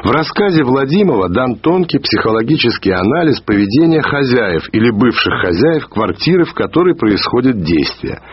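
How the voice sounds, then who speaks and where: A man reading a literary review aloud in a measured way, slowing down to stress key words, heard on an old archive radio recording. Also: mid-range voice, very animated, slightly rough, lo-fi sound. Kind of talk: read literary commentary.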